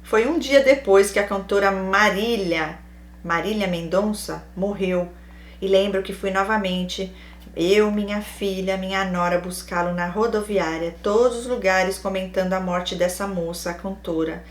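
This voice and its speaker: A woman's voice: mid-range voice, unhurried. A woman with a Brazilian accent, hosting and reading a listener's personal story aloud, acting out quoted lines and adding wry asides. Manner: animated, acts out quoted lines, adds wry comments. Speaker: host reading a listener's letter. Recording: roomy echo.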